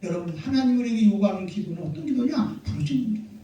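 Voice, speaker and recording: A man's voice: sits high, expressive, rapid-fire, crowd noise. A man, a pastor, preaching a sermon emphatically, full of rhetorical questions and repeated amens. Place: church sanctuary. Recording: very echoey church hall, mic far off.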